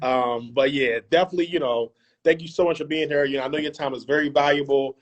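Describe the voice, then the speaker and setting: A man's voice: on the high side, steady tone, quick pace. A man hosting an interview over a video call, casual and joking, full of fillers and repeated phrases. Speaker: host.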